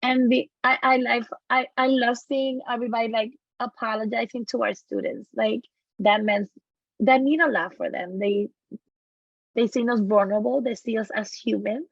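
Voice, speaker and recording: A woman educator speaks warmly encouraging words to an online session, often restarting her phrases. Her voice has a strong gravelly fry, and the call audio is dry and a bit dull. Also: fairly high pitch, fairly even intonation, normal speed, dry recording. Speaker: educator, presenter.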